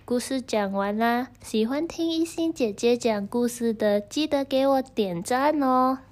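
A woman storyteller reading a story to children and gently speaking to them directly. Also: on the high side, measured pace.

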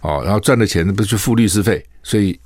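A man's voice: lowish voice, rapid-fire, a little mellow, no room sound, clean studio sound. An older man from Taiwan hosting a radio talk show, giving casual political commentary with emphatic rhetorical questions. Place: radio studio. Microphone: studio microphone.

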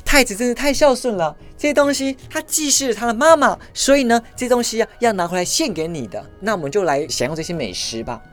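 A woman's voice: animated, quick pace, hardly any pauses, faint music behind, close to an everyday voice. A woman putting on a sugary scheming court consort. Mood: sweet wheedling. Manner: wheedling, theatrical, high and sugary.

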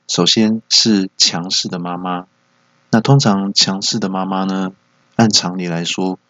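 A man's voice: low-pitched, fairly bright tone, no echo. A man hosting a solo comedy podcast, telling playful stories. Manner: playful storytelling. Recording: dull, dry lo-fi home recording.

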